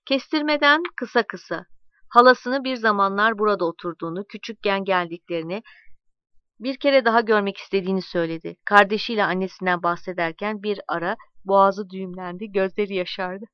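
A woman narrating a story aloud in a calm, measured reading voice, voicing the dialogue as she goes. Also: medium pitch, clear, resonant tone, dry recording, dull audio.

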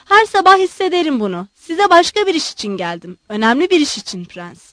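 A woman's voice: sits high, sing-song, a bit bright, no echo, studio quality. A woman reading the part of an agitated, effusive old male general who pleads and bursts out emotionally. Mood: pleading. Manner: pleading, emotional, rushing outbursts.

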